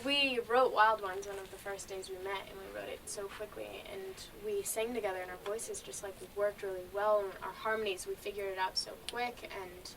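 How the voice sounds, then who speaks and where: A young woman, a singer, telling a story in a relaxed way as a guest in a radio interview. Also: mid-range voice, brisk, hardly any pauses, distant mic, crowd noise, rough recording. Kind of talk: casual interview chat.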